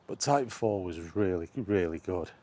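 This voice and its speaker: His voice sits low and sounds warm and expressive as this middle-aged man talks at a measured pace. He's a gaming vlogger giving a rambling, reflective, casual monologue about video games, repeating phrases for emphasis. Ambient noise is clearly present.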